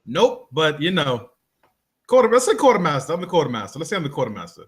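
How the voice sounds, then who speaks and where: A man playing a tabletop role-playing game, animated and quick to argue in character. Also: a little high. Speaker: player. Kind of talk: casual tabletop role-play.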